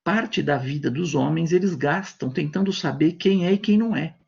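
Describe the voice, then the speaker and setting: A Brazilian man lectures to students over a video call, his fairly high voice gravelly and husky. He talks conversationally and slips into acted-out voices for his examples. The sound is dull and lo-fi. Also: moderate pace, darkish tone. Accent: Brazilian Portuguese. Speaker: university lecturer. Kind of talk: online class lecture.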